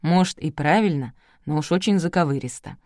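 A woman voicing a proud, sharp-tongued old grandmother in an audiobook, blunt and teasing. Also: low voice, fairly quick, no room sound, clean studio sound, natural voice. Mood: wry.

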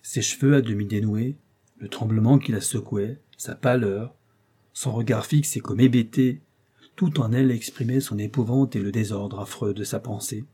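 A man with a fairly low, husky voice narrates a classic novel as an audiobook. His storytelling is measured and expressive.

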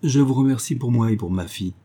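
A man voicing a fussy, flattered old provincial lady who gushes and repeats herself in a raised voice. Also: medium pitch, fast talker, breathy edge, pitched above the performer's own voice, close to an everyday voice. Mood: gushing. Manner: gushing, eager, repeating herself.

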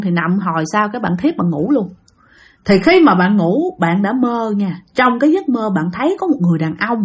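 A woman telling a ghost story in a chatty way, speaking to her listeners directly. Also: medium pitch. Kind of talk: casual ghost-story narration.

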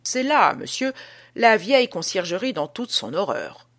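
A woman reading an audiobook as an old male prison guard telling an uncanny tale, with a dramatic, hushed delivery. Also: mid-range voice, very animated, measured pace, full character voice. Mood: spooked. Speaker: audiobook reader.

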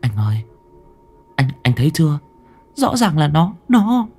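A man's voice: a little fast, darkish tone, slightly rough, soft background music, close to an everyday voice. A man doing a terrified wailing young wife. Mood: frightened. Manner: high strained wailing voice.

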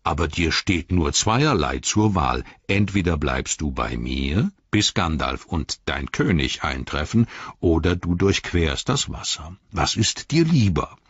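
A man voicing an ancient, slow and deliberate tree-herding giant in an audiobook. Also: very deep voice, lively intonation, slightly rough, dry recording, muffled recording, voice pushed down, heavily acted. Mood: stern.

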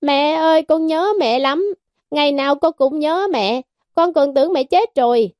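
A woman's voice: high voice, moderate pace, darkish tone, no room sound, clean studio sound, voice pushed up, lightly acted. A woman voicing a cheerful young man who speaks tearfully and pleadingly to his mother.

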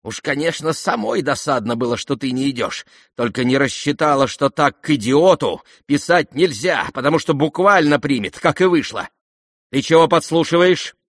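Lizaveta Prokofyevna, a shrill stormy matron, as a man puts her on. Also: expressive, moderate pace, dry recording, studio quality. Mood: agitated. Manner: shrill, shouting, imperious scolding. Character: irascible aristocratic older woman, stormy. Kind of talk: audiobook character voice.

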